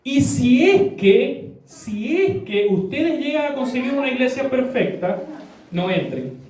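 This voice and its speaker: A Chilean man leads a Sunday Bible class with folksy humor, and his voice sits very high for a man. He is picked up from a distance in an echoey church hall. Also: sing-song, a little slow, a little mellow, slight background noise. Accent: Chilean Spanish. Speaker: Sunday school teacher.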